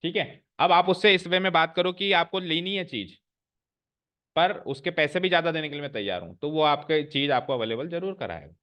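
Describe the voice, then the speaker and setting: A man's voice: on the high side, lively intonation, normal speed, pushed and bright. A man in his forties teaching a grammar class to students, lecturing and scolding with rhetorical questions and mixing English phrases into his speech. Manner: mixes English phrases into Hindi.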